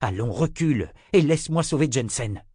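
A man voicing a calm, resolute male adventurer who gives firm orders in a storybook reading. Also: mid-range voice, moderate pace, breathy edge, no echo, studio quality, pitched above the performer's own voice.

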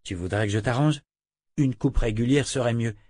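A man's voice: mid-range voice, moderate pace, a little mellow, no echo, clean studio sound, close to an everyday voice. A man voicing a good-humored adult man who jokes playfully, in an audiobook. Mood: teasing. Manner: joking, playful.

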